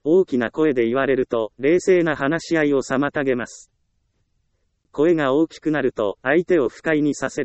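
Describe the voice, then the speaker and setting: A man giving calm, scripted self-help narration in a steady, gentle and reassuring way. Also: mid-range voice, clear, resonant tone, dry recording.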